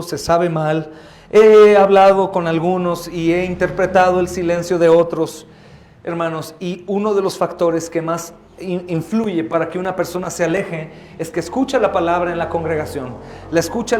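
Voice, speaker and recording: A man preaching a fervent sermon in a high, bright-edged voice, his words ringing around an echoey church room. He slips into other people's voices to act out the scenes he describes, then returns to urging his listeners on. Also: fairly even intonation, normal speed. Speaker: pastor. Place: church sanctuary.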